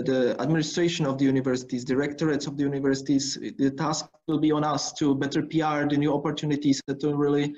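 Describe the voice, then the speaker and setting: A man's voice: medium pitch, darkish tone. A man, a panelist, giving a brief, formal and thankful final comment. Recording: dull lo-fi audio.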